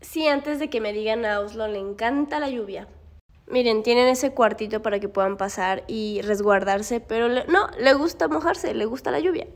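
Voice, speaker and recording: A woman talks casually to the camera about her pets in a playful vlog, frequently squealing and laughing. Her voice is a little high and moderately paced.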